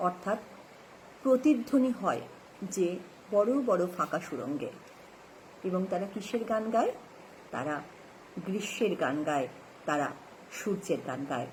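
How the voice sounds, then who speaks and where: A woman with a Bengali accent teaches an English lesson, reading lines slowly and spelling out words letter by letter. Her pitch moves up and down a lot as she explains. A faint hiss sits under the recording. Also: low-quality recording. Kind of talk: classroom lesson explaining text and vocabulary.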